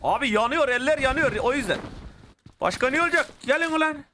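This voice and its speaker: A young man commentating his mobile shooter game, getting frustrated and shouting at opponents. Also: very high voice, fairly quick, slight background noise. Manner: excitable, frustrated outbursts while playing. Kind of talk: live gameplay commentary. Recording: clear game gunfire behind the voice. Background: shooter game gunfire and clicks.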